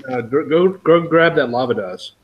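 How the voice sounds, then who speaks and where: A man's voice: mid-range voice, animated, normal speed, highs cut off. A man in a casual live chat, teasing and egging on his friends while they snack.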